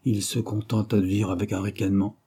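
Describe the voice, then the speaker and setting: A man narrating a classic novel as an audiobook in a steady, measured storytelling manner. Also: lowish voice, breathy edge.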